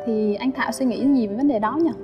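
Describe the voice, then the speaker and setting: A woman's voice: a little high, fast talker, lo-fi sound. A woman on a dating show, polite and sweet, asking her date lots of questions. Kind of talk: casual chat on a first date. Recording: studio sound with reverb and loud music.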